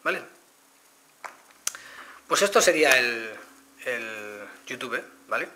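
A man with a Spain Spanish accent walks viewers through a phone demo in a relaxed, explanatory way. His voice is very bright and sharp, with a faint hiss behind it. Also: mid-range voice, slow pace. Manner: explanatory, addresses viewers directly. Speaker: phone reviewer. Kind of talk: casual product demo.

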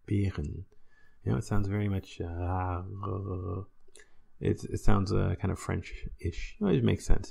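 A man's voice: fairly low pitch, creaky, dark tone, breathy edge. A man teaching a pronunciation lesson, patiently repeating example words to demonstrate the sounds. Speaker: Dutch language teacher.

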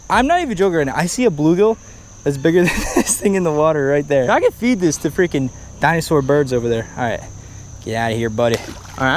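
Excitable young man vlogging while fishing. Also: fairly high pitch, slight background noise. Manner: excitable, slangy, talks to viewers while fishing. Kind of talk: casual outdoor vlog commentary. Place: outdoors at a park pond. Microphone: action camera, head-mounted and handheld.

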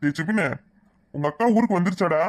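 A man's voice: sits high, fairly quick, natural voice. A man voicing a bossy, teasing young village man, with a Kanyakumari Tamil accent.

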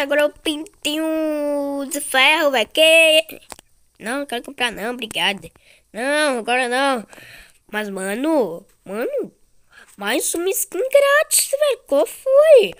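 A young Brazilian woman with a high voice calls out her gameplay in excited bursts. She talks in a chatty way, full of slang and exclamations. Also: dry recording. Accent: Brazilian Portuguese. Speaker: gaming video creator.

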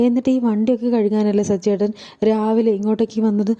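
A woman reading out the lines of a tearful young wife pleading with her husband, in her own quick, low voice. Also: level tone, mellow, dull audio, close to an everyday voice.

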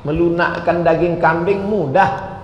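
A man's voice: a little high, steady tone, a little slow, lo-fi sound. A man giving a folksy, humorous dawn sermon, full of stories. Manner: folksy, humorous, acts out quoted people in a raised voice. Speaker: preacher. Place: mosque hall. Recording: echoey hall with faint noise.

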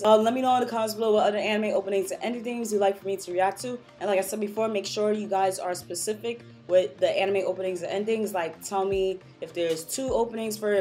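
A woman's voice: medium pitch, darkish tone. Young woman, casual reaction video. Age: young adult. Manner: informal, slangy, chatty, addressing viewers directly. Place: small room at home, indoors.

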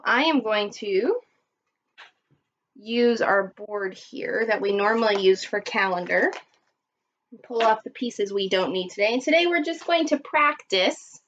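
Slow, high-voiced woman teaching like kids show host. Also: a bit bright, slight background noise. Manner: kids show host style, addressing children, prompting and counting along. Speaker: elementary school teacher. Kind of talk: math lesson for young children. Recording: dull lo-fi webcam sound.

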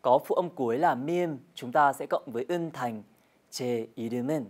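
A woman's voice: rumbling low, fairly quick, darkish tone. A woman co-hosting a scripted television language lesson, guiding viewers through drills and games in a friendly way. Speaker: Korean language teacher co-host.

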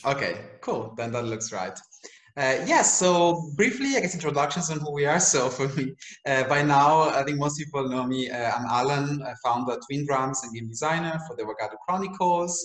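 A young man in a roomy, echoing space hosts a casual video call. He talks in a relaxed, chatty way and laughs at himself. His voice sits at a middle pitch. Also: normal speed. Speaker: host and game designer. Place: room at home. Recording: echoey room sound.

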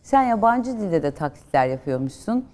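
A woman's voice: lowish voice, very animated, normal speed, dark tone. A woman hosting a TV talk show, eagerly prompting her guest. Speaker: host.

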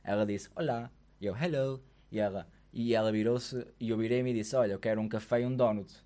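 Portuguese man in his thirties, podcast co-host, quick animated storyteller who swears freely. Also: lowish voice. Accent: European Portuguese. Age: 30s. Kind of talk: casual chat. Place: studio with blue lighting, indoors. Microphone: studio mic on arm.

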